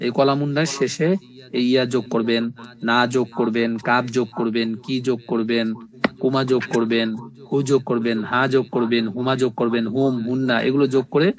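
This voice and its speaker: Male teacher, online class lecture, mid-pitched voice, slow repeated word drills, checks in with students. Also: flat delivery. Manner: explains step by step, often checking "ঠিক আছে?". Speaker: Arabic language teacher.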